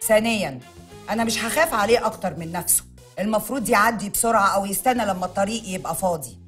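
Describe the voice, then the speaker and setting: A woman's voice: mid-range voice, quick pace, fairly bright tone, faint music behind, close to an everyday voice. An actress with an Egyptian accent playing a defiant, bossy young woman who answers bluntly.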